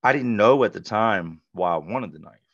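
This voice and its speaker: A middle-aged man with a very low, gravelly voice tells his own story candidly, in loose everyday speech. He talks plainly and bluntly, pausing on fillers. The recording is dry and dull, slightly lo-fi. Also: expressive, fairly bright tone, dry recording. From North Carolina, USA. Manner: blunt, conversational, frequent "like" and "you know". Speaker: podcast guest.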